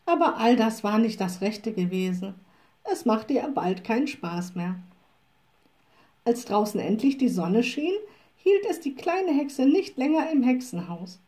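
Warm-voiced woman reading a story. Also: on the high side, big pitch swings, measured pace. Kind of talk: children's audiobook narration.

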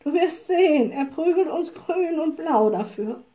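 A woman's voice: high voice, sing-song, measured pace, dark tone, pitched above the performer's own voice. A woman reading a storybook, voicing two weary, overworked cart horses that plead anxiously. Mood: worried.

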